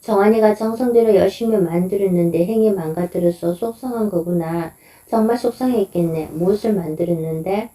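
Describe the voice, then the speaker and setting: A woman's voice: lowish voice, fairly quick, warm tone, distant mic, natural voice. A woman reading the part of a patient mother, asking her son soothing questions. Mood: gentle.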